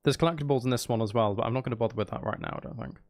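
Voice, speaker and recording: A medium-pitched, slightly mellow male voice delivers rapid-fire livestream chatter. The man streams games and narrates audiobooks, and here he rambles casually and self-deprecatingly through game commentary.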